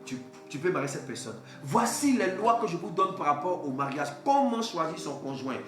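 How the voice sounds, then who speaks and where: A male pastor preaching a sermon with lively rhetorical questions and repeated words, in an echoey church hall. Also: a little high, normal speed. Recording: echoey hall, faint music.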